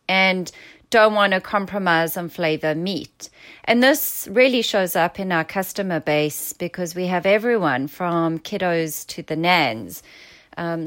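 Woman, South African accent, young adult, smooth clear voice, steady business pitch. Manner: fluent, steady, with occasional ums. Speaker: founder being interviewed. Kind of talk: pitching her business in an interview.

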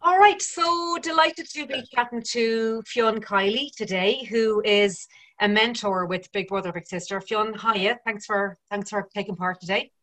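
A woman's voice: mid-range voice, a little slow, a bit bright, poor audio. A woman with an Irish accent presenting and interviewing on a podcast in a conversational style.

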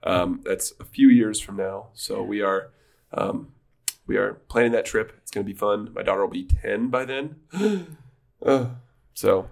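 A man's voice: lowish voice, measured pace, gravelly, a little mellow. Upbeat jokey man in his thirties. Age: 30s. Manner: upbeat, jokey, rambling with restarts. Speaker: podcast co-host. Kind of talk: casual chat.

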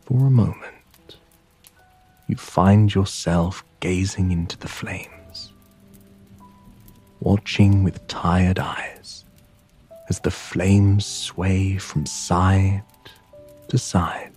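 A man narrating a sleep story in a hushed, soothing, breathy voice that often slips into a whisper, guiding the listener to relax. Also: sits low, steady tone, very slow, pauses often, faint music behind. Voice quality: breathy, husky.

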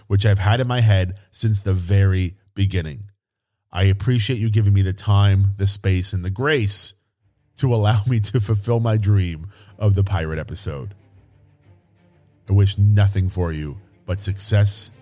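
Low-voiced man giving a podcast sales pitch. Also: a little mellow. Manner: emphatic sales-pitch delivery, coaching hype. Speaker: podcast host. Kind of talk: promotional podcast monologue.

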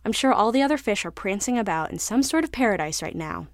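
A woman voicing a stubborn male anchovy who is dreamy and defiant, speaking low and muted. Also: lively intonation, fast, no echo, clean studio sound, close to an everyday voice.

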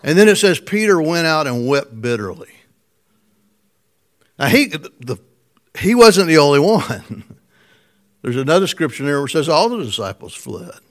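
A man preaching a sermon, telling stories with frequent chuckles and dropping from loud emphasis to a soft hush. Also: fairly high pitch, very animated, moderate pace, pauses often.

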